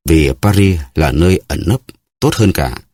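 A hot-headed young musketeer, voiced by a male narrator in a storybook reading. His low voice presses forward with urgent passion. The recording is close and dry. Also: animated, moderate pace, a little mellow, dry recording. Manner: impassioned, urgent.

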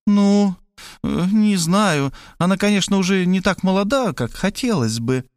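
A man's voice: high voice, expressive, measured pace, no room sound, studio quality, voice pushed up. A man voicing a pushy, scolding elderly mother in an audiobook. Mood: coaxing. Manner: scolding, insistent, dramatic. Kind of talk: audiobook character voice.

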